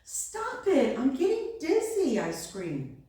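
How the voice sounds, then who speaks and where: A woman's voice: on the low side, very animated, a little slow, darkish tone, very echoey, recorded from a distance. A woman voicing a talking teacup that cries out and begs in a storybook tale. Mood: pleading. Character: talking teacup, pleading then awed.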